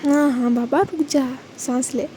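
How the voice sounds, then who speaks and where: A woman voicing a caring older sister who soothes her sibling in a soft, fond tone in a storybook reading. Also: high voice, fairly even intonation, unhurried, a little hiss or hum. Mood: soothing. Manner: soft, comforting, scolding fondly.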